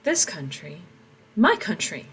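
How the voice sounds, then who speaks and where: Woman reading old farmer man, desperate, pleading, emphatic, low-ish. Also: a little fast, a little hiss or hum, lightly acted, poor audio.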